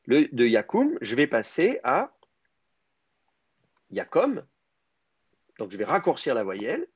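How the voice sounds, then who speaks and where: A man leads an online grammar lesson, his pitch moving a lot as he works through each point out loud. The voice is a bit husky and comes across dry, as if over a computer microphone. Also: wildly swooping pitch, slow, no room sound, lo-fi sound. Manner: explains step by step, thinking aloud with many "euh". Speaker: teacher. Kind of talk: online Hebrew grammar class.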